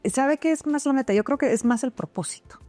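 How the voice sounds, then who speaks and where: This woman, of Guatemalan background and raised in Texas in the United States, is an interview guest who works as both a singer-songwriter and a doctor. She talks casually and reflectively in a high, fairly quick, slightly mellow voice, with soft music in the background.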